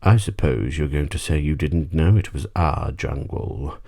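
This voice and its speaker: A man voicing hungry, menacing storybook tigers with a husky, breathy, drawn-out delivery. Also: very deep voice, warm tone, no room sound, studio quality, exaggerated voice. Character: hungry menacing male tigers, slyly toying with prey.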